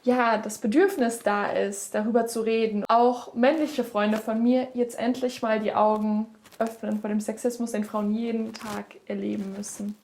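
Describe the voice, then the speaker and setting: Young woman, early 20s, slightly high voice, earnest, articulate, interview answers. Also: flat delivery, moderate pace, few pauses, darkish tone, slight background noise. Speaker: politics student.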